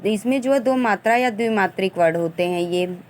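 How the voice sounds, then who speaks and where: A woman's voice: mid-range voice, brisk, darkish tone, a little hiss or hum. A woman teacher explains Sanskrit grammar for an exam, sounding out vowels and examples one by one and sometimes restarting a phrase. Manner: restarts and corrects herself mid-phrase.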